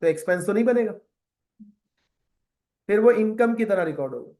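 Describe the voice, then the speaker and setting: Animated high-voiced male lecturer. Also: normal speed. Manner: animated, rhetorical questions, mixes English terms into Urdu. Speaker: accounting lecturer. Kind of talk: classroom lecture with side rant.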